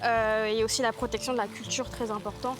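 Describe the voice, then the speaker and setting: Speaking briskly in a fairly high voice with little pitch movement, this woman from French Guiana is a village activist being interviewed. She answers earnestly, repeating words for emphasis, over background music.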